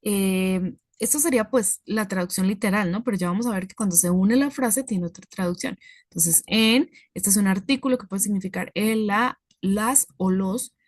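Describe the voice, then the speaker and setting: A woman's voice: mid-range voice, moderate pace, dry recording, clean studio sound. A woman teaching an English class, explaining patiently step by step and checking in with her students.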